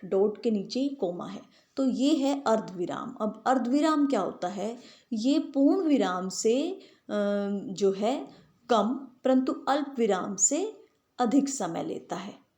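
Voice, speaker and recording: A woman's voice: on the high side, warm tone. A woman teaching a grammar lesson to students. She explains patiently and keeps checking that they understand with short tag questions. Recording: echoey room.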